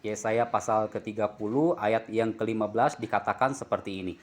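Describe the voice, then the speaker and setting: A man's voice: on the low side, fairly quick, slight background noise. A man preaching a sermon, joking and asking the congregation questions as they answer back. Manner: lively, jokes and asks the congregation questions.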